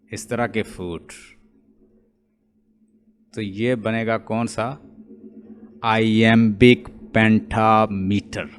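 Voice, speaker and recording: A man with a Pakistani accent gives a classroom lecture on poetic meter at an unhurried pace. His pitch sits in an ordinary middle range. He walks through each point step by step and keeps stopping to ask his students whether they follow. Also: a little mellow. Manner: explains slowly step by step, with many checking questions. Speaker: English literature teacher.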